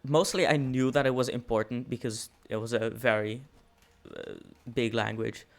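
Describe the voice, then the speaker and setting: Teen man, dutch accent, mid-pitched voice, hesitant casual chat. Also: steady tone, normal speed. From Netherlands. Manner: hesitant, many uh and restarts.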